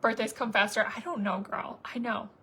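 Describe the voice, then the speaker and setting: Thirties woman vlogger, casual filler-heavy chat, pitched a bit high. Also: fairly even intonation, normal speed, bright, forceful tone, a little hiss or hum. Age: 30s. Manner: chatty, rambling, many fillers. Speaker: makeup vlogger. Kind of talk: casual chat to viewers while doing makeup.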